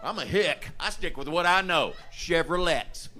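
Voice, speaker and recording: A man doing stand-up on a live stage, loud and animated, acting out the voices of the people in his stories. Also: a little high, unhurried, a crowd in the background, noisy background. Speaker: stand-up comedian. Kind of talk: stand-up comedy set. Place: comedy stage before a live audience. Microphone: handheld mic on a stand.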